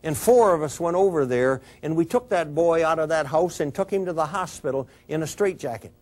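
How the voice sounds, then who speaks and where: A police officer giving an emotional talk to an audience, telling a story with repeated restarts and direct appeals to "people". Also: male voice, fairly high pitch, lively intonation, a little fast, darkish tone.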